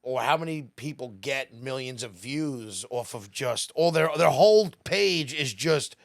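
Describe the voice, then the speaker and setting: A man's voice: mid-range voice, animated, a little slow, vocal fry, dry recording, studio quality. A man co-hosting a podcast, talking in a laid-back, earnest way. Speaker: podcast co-host. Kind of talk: casual podcast chat.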